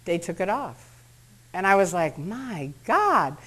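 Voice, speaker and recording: At a public talk in a meeting room, a middle-aged American woman tells an audience a personal story, shifting voices to act out what others said. Her voice sits on the low side and moves at a moderate pace, and the recording is rough.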